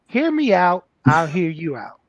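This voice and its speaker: Panelist, man, high voice, relaxed storyteller, dry dull mic. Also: measured pace, no echo. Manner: relaxed storytelling, acts out text exchanges. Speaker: podcast panelist. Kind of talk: casual panel chat.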